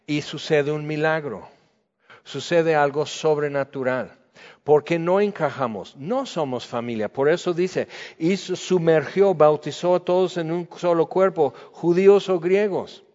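A man's voice: a little high, measured pace, a little mellow. A man preaching a sermon as a pastor, talking to the congregation and acting out little dialogues. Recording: dull sound with long hall reverb.

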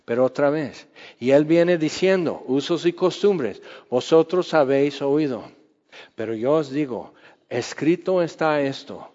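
A man preaching a sermon in a conversational way, acting out quoted voices and sometimes dropping to a hush. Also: fairly high pitch, a little slow. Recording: dull sound with long hall reverb.

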